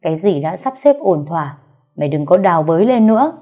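A woman's voice: fairly low pitch, animated, brisk, dark tone. A woman voicing a harsh, scolding older mother. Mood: stern. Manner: cold, scolding, blunt.

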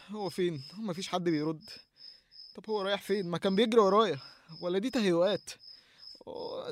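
A young man with an Egyptian Arabic accent playing a frightened man lost in dark fields in an audio horror drama. He stammers and restarts in panicky, breathless talk to himself. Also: sits high, a little hiss or hum, natural voice. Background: faint music and chirping crickets.

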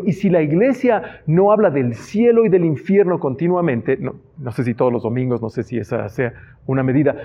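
A man's voice: fairly high pitch, mellow. A man preaching a sermon earnestly, reading Bible passages aloud and adding asides. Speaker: pastor. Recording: dull lo-fi sound.

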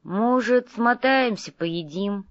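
A woman's voice: mid-range voice, lively intonation, takes it slowly, no room sound, highs cut off, voice pushed up. A woman voicing a lazy, always-hungry male fortune-teller mage who whines and teases. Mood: whining. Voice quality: whiny, teasing.

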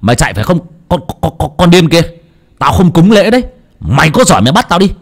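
Male narrator voicing a short-fused middle-aged villager, shouting curses, storybook. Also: a little high, sing-song, fairly quick, voice pushed up. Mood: furious. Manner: loud, cursing, furious. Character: hot-tempered middle-aged village man.

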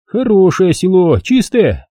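A man reading an audiobook, voicing a fat, greedy, pompous middle-aged notary with a shrill, squealing manner. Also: big pitch swings, measured pace, mellow, no echo, studio quality, exaggerated voice. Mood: condescending, greedy. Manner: condescending and grasping.

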